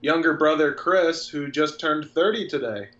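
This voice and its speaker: A man's voice: fairly high pitch, normal speed, a bit bright. A man in his thirties, a filmmaker guest in a casual interview, talking in a reflective, earnest way. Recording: dull lo-fi sound.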